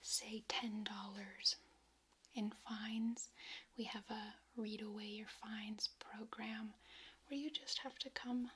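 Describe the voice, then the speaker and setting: A woman speaking in a hushed library whisper, doing a whispered role-play as a friendly, chatty librarian. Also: medium pitch, fairly even intonation, takes it slowly. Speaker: ASMR performer playing a librarian. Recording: clear background noise, handling clicks.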